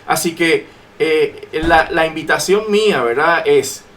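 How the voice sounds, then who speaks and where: A man from Puerto Rico, speaking with a Puerto Rican accent, offers emphatic political commentary as a talk radio guest and repeats phrases for weight. His voice is fairly high-pitched and a bit bright, and he takes his time. The audio is a noisy AM radio talk recording.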